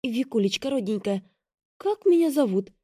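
A frightened, anxious sister, played by a woman reader, pleading in a nervous half-whisper. The voice sits higher than the narration, close and dry. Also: lively intonation, normal speed, warm tone, dry recording. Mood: worried, pleading.

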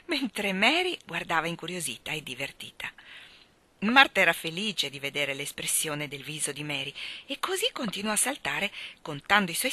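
A woman's voice: lowish voice, pushed and bright, no echo. Woman reading a storybook aloud. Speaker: reader.

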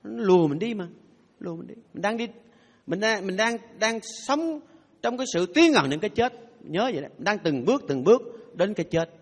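Buddhist monk joking through a dharma talk, pretty high voice, big echoey hall. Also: male voice, animated, fairly quick. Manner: playful, humorous, leads call-and-response chanting. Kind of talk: dharma talk to a lay audience. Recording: long hall reverb.

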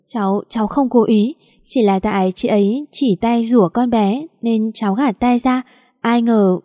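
A woman's voice: fairly high pitch, warm tone, no room sound, studio quality, in a large hall. A woman voicing a frightened young wife who stammers out her words. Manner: stammering, slow.

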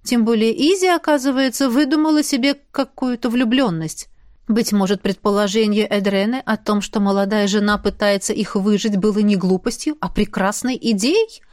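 A woman reading a romance audiobook aloud in an expressive, lightly ironic narration. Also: medium pitch, moderate pace, no room sound, studio quality. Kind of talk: scripted narration.

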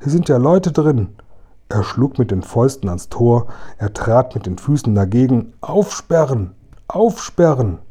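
A man narrating a children's storybook in a calm, measured way. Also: on the low side, husky. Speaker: audiobook reader.

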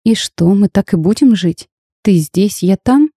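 A woman reading the lines of a bold, sharp-tongued young half-fairy bride in a storybook tale, lively and teasing in tone. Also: mid-range voice, unhurried, husky, dry recording, studio quality. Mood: spirited.

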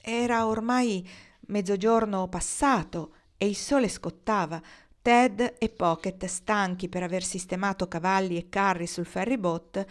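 A woman narrating a novel as an audiobook, in a calm voice of middle height. She reads slowly and deliberately. Each phrase gets its space, with pauses between them. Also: mid-range voice. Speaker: audiobook reader. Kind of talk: novel read aloud.

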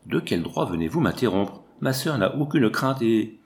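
A man's voice: medium pitch, sing-song, moderate pace. A man voicing a proud male marksman with a stern, commanding manner.

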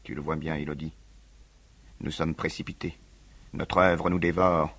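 Brooding male zealot, deep and solemn, 1950s radio reading, done by a man. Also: little pitch movement, unhurried, fairly bright tone, exaggerated voice. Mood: grave, somber. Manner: grave, solemn declamation. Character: brooding young male revolutionary juror, fanatical.

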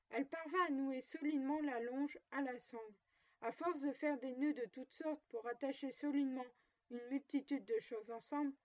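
A woman reads a novel chapter aloud in a steady storytelling manner. Her voice sits high. The recording is dull and lo-fi. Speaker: audiobook reader. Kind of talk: audiobook narration.

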